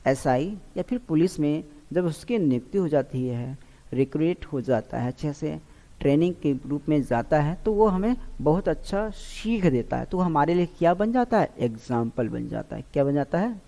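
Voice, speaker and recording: Mellow-voiced male teacher in a reverberant room. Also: fairly high pitch, lively intonation, moderate pace, gravelly. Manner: quizzes himself aloud and repeats each answer. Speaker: English vocabulary teacher. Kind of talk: online exam-prep lesson. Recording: long hall-like reverb.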